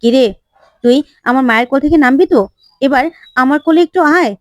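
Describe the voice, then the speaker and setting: A woman's voice: high-pitched, fast talker, no echo, clean studio sound, lightly acted. A woman voicing a jealous, bossy young woman of the family.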